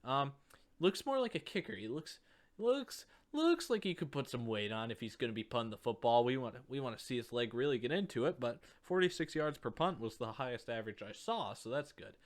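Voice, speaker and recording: Joking young man, mid-pitched voice. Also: animated, fairly quick. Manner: joking, laughs between remarks. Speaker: podcast co-host. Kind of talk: casual sports chat.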